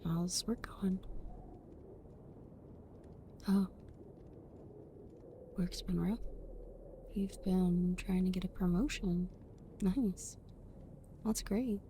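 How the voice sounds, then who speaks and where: A woman voices a warm, playfully teasing young friend for an ASMR roleplay, her soft, breathy delivery often dropping to an intimate whisper. Her voice sits on the low side, and there's a little hiss or hum in the recording.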